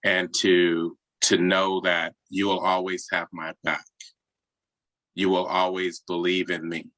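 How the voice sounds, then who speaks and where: Deep bright-toned guy, flat even delivery, dry close sound on a video call. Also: dry recording, rough recording. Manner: slow, deliberate and earnest. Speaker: presenter. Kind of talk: heartfelt tribute in a video call.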